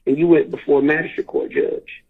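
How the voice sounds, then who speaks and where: A man's voice: fairly high pitch, wildly swooping pitch, a little fast, creaky, husky. A man, an officer, talking on a payphone call, bluntly explaining and repeating himself. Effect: heard over a payphone call line. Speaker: law enforcement officer. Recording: tinny phone line.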